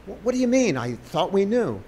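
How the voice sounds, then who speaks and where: A man reading the lines of a gruff, skeptical young American man in an audiobook. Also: high voice, sing-song, brisk, darkish tone, a little hiss or hum, pitched above the performer's own voice. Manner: gruff, dry.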